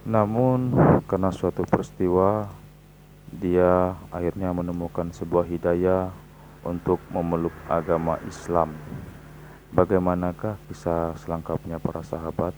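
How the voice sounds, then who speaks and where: A man's voice: low voice, level tone, unhurried, long pauses, darkish tone, slight background noise, rough recording. A man hosting a religious video channel, giving a formal introduction to a video in a preacher-like manner. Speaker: channel host.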